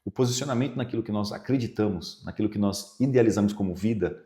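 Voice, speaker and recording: A middle-aged man with a São Paulo Brazilian accent speaks as a pastor recounting his testimony in a podcast interview. His voice sits low and mellow, and he slips into the voices of the people in his story. The room gives it a noticeable echo. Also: fast talker. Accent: Brazilian Portuguese, São Paulo. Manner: emotional storytelling, quoting himself and others. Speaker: pastor, guest. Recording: echoey room.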